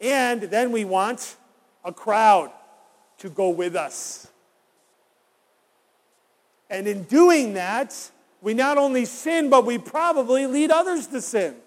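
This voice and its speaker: A man with a notably high voice preaches a sermon, his words ringing out with a long reverb in a large church hall. He talks to the congregation in a conversational way and keeps asking them rhetorical questions. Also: expressive, slow pace, long pauses. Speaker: pastor.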